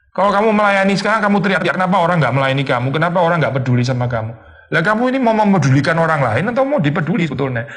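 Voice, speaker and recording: A man's voice: fairly high pitch, fairly bright tone. A male pastor giving a conversational sermon, teaching with rhetorical questions, slipping in English phrases and acting out complaining voices.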